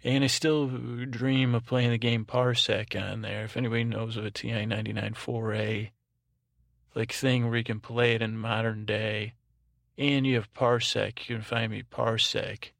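A gravelly, medium-pitched man hosts a bedtime podcast at a moderate pace, his soothing monotone drone meant to lull listeners to sleep. He meanders and stumbles through the monologue, interrupting himself. The studio-quality recording has no room sound.

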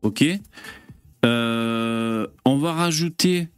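A male live-stream host who talks casually to his chat audience. His pitch is mid-range, and he rambles with many pauses and fillers and swears freely. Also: soft background music. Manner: chatty, hesitant, full of fillers and swearing.

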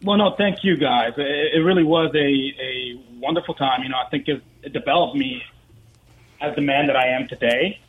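A man's voice: medium pitch, moderate pace. A man in his thirties from the Dominican Republic, a guest on a radio show calling in, talking with many fillers and restarts. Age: 30s. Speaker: guest, parade co-founder. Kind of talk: phone interview. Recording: tinny phone line.

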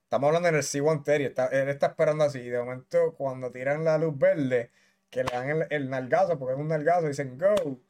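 A man's voice: on the high side, fast, a little mellow, slight background noise. A man hosting a podcast interview, chatting casually and explaining military terms for his listeners. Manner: conversational, explains jargon to listeners, frequent affirmations. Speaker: podcast host.

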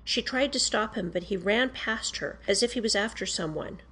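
A woman with a medium-pitched voice, sharp in tone with a breathy edge, reads out a written police report. The delivery is formal and procedural, consistently measured and matter-of-fact.

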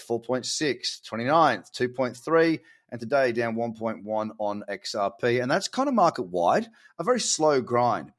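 Chatty man in his thirties. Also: mid-range voice. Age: 30s. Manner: chatty, encouraging, corrects himself mid-sentence. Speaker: crypto market vlogger. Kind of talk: casual market update and pep talk.

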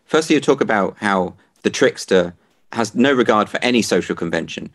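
Probing low-voiced male interviewer. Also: lively intonation, brisk, fairly bright tone. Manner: probing, thoughtful, with stammered restarts. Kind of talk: conversational interview.

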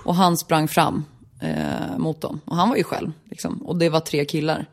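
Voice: medium pitch, level tone, creaky. A speaker in casual conversation, chatty and agreeing, telling a short story. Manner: conversational, many agreeing murmurs. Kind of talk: casual chat.

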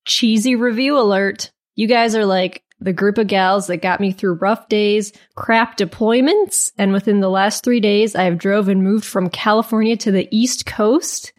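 Girl on a comedy podcast, medium pitch, casual chat. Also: a little slow, few pauses. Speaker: podcast co-host.

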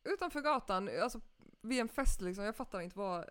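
A woman, hosting a podcast and telling a story in frank, lively casual chat. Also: fairly high pitch, clear, resonant tone. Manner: lively, frank storyteller who swears freely. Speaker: podcast host.

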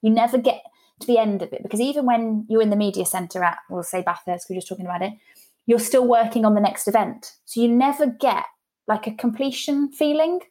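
A woman's voice: a little high, a little fast, warm tone. A woman in her thirties, a guest talking candidly and chattily about running her own PR business, often restarting her sentences. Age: 30s. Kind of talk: casual interview conversation.

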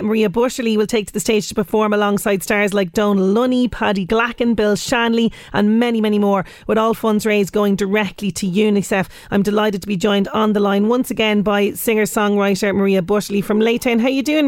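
A woman's voice: mid-range voice, fairly even intonation, a little fast, few pauses, no room sound, studio quality. A woman with an Irish accent, presenting and interviewing as a radio host. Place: radio studio.

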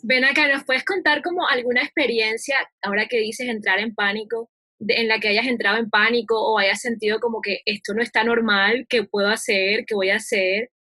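A woman's voice: on the high side, fairly even intonation, a little fast, sharp tone, no echo, soft background music. A woman hosting a casual podcast interview, asking long, searching questions. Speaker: podcast host.

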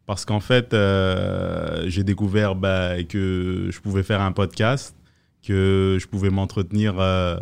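A man's voice: low voice, level tone, slow pace, gravelly, darkish tone, clean tone. A man from France with a neutral French accent, chatting casually as a comedian guest, hesitant with frequent fillers and English phrases. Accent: French, neutral international. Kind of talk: casual podcast chat.

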